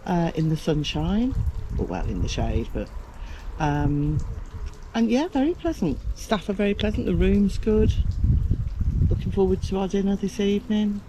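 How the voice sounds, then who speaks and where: A man's voice: high voice, animated, normal speed, background noise. A man chatting casually outdoors, teasing and talkative as he weighs up a long trip as a pillion passenger. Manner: teasing, talkative, laughs easily. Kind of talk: casual chat. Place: outdoors in shade at a hotel.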